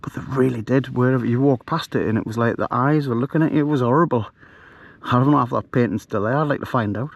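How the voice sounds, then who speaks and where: A middle-aged man, telling a ghost story in a hushed, rambling way with many fillers, camping outdoors at night. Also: medium pitch, quick pace, creaky, no echo. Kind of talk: casual storytelling to camera.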